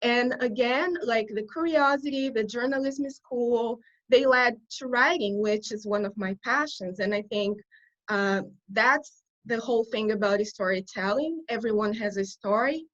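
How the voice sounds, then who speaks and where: A Brazilian woman, a native Portuguese speaker, is an interview guest speaking English with a Brazilian accent. Her voice is fairly high and a little bright, her pace measured, and the audio sounds dull. She speaks earnestly in a conversational way, often restarting phrases as she thinks.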